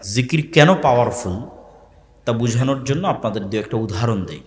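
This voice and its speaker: A man's voice: medium pitch, lively intonation, moderate pace. A man preaching a sermon to a live audience, asking the crowd questions and repeating key phrases. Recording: long hall reverb.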